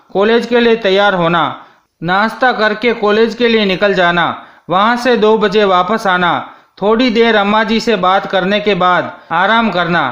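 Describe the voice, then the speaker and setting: A man narrating a first-person story in a steady, scripted reading. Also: sits high. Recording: dull lo-fi sound.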